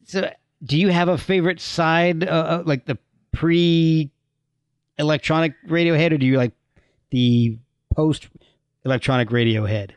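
A man's voice: a little high, measured pace, clear, resonant tone, no room sound. Chatty male interviewer, dry close sound. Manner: chatty, repeats words when starting sentences. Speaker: podcast host. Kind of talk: casual interview chat.

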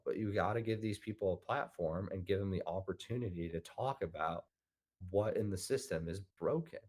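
A man with a notably low, deep voice speaks as a podcast guest. He talks with passion in a casual, conversational way. He leans heavily on "like" as a filler word. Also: darkish tone. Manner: impassioned, heavy use of "like" fillers.

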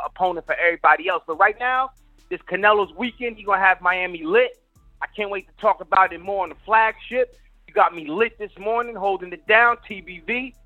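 A man's voice: high voice, no echo, narrow, tinny audio. A man talking boxing in casual street slang, hyping things up and addressing the listener like a buddy.

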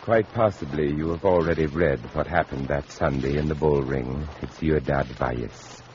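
An actor playing a graying, fatalistic writer near fifty, narrating an old radio drama in a literate, melodramatic way. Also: male voice, a bass voice, normal speed, a little mellow, a little hiss or hum. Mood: brooding, fatalistic. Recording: dull lo-fi old radio recording. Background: prominent music.

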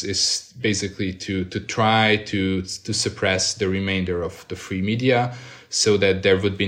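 A man's voice: low-pitched, a bit bright. A man, a journalist giving hesitant, explanatory interview answers as he searches for words. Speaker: investigative journalist guest.

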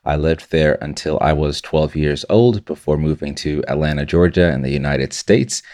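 A man with an extremely deep, low voice speaks as a podcast guest. Born in Zimbabwe, he works as a content creator and tells his own story in an earnest, reflective way. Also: normal speed, a little mellow. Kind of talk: personal storytelling in a podcast interview.

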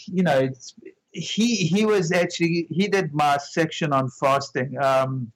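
A man's voice: fairly high pitch, unhurried, poor audio. A man, a clinician guest on a podcast, talking enthusiastically about his patients with a rambling style and frequent restarts. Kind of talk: casual conversational interview.

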